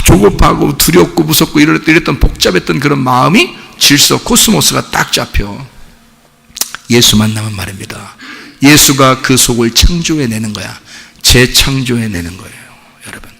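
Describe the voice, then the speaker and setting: A man preaching a sermon as pastor, emphatic and animated, repeating his exhortations to the congregation. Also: medium pitch, moderate pace, gravelly, long reverb tail. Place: church sanctuary.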